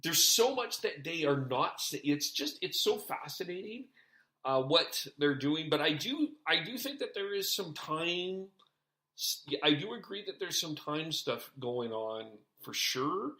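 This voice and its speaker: A man's voice: a little high, expressive, unhurried, bright, forceful tone. A man hosting a casual podcast chat, rambling and thinking aloud in restarts. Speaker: podcast host.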